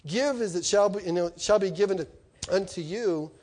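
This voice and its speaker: A middle-aged man preaching an animated sermon to students, swinging from loud to soft and acting out quoted voices. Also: high-pitched, normal speed.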